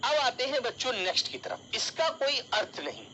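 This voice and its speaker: A man's voice: very high voice, sing-song, moderate pace, sharp tone, slight background noise, low-quality recording. A male teacher giving an online exam-prep lesson, calling his students child and dear and explaining with everyday examples.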